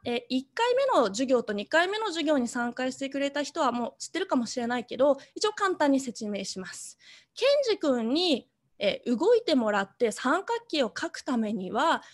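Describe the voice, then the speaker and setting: A woman teaching an online coding lesson to children, cheerful, and mixing English words into her speech. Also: sits high.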